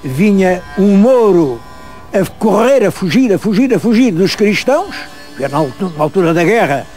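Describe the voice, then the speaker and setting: Animated high-voiced European Portuguese storyteller. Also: male voice, normal speed, faint music behind. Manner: animated, vivid storyteller, addresses viewers directly. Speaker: history presenter. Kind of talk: storytelling to camera on location.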